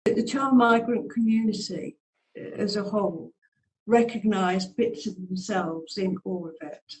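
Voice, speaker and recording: A woman's voice: medium pitch, a little slow, rough recording. A woman guest speaks emphatically and reflectively in an interview. Her voice sits in a middle range. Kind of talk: interview remarks.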